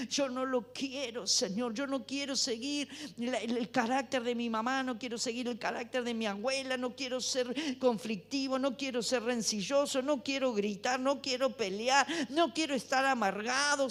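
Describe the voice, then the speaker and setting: A woman preaching a fervent sermon in church, building to shouted exhortations. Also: high voice. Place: church sanctuary.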